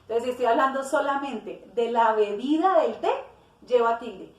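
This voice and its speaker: A woman with a fairly high voice gives a grammar lesson at a moderate pace, taking the rules one step at a time. She pauses to correct herself and acts out brief example phrases. The mic sits at a distance in a room with a roomy echo.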